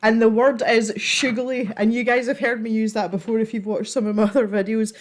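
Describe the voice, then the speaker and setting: A woman's voice: on the high side, level tone, fairly quick. A giggly woman with a Scottish accent, chatting informally as she hosts a livestream. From Scotland. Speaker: livestream host. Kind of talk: casual chat to a live audience.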